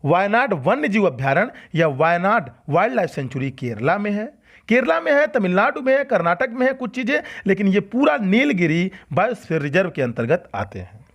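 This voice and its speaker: A man's voice: high voice, sing-song, brisk, fairly bright tone. A man teaching a general-knowledge lesson for exam students, asking questions and answering them himself, and repeating key facts. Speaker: coaching teacher. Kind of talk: exam-prep lecture.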